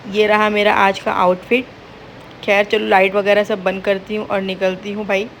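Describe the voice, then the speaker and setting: A woman's voice: medium pitch, level tone, normal speed, a little hiss or hum. A young woman chatting to viewers in a casual home vlog, recorded indoors. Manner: chatty, addresses viewers directly. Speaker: vlogger.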